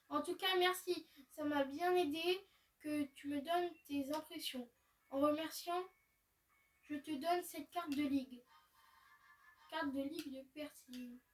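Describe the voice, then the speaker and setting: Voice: high voice, fairly even intonation, slow pace, pauses often, recorded from a distance, soft background music. A gamer reading aloud the lines of a friendly young female researcher in a video game.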